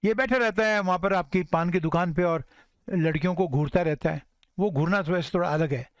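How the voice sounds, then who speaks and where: A man teaching spoken English, mixing Hindi explanations with slow model English sentences and often checking that listeners follow. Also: sits high, smooth, no room sound.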